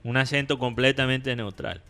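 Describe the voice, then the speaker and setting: A man, co-hosting a casual chat, lively and jokey. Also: mid-range voice, normal speed, soft background music. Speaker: podcast co-host.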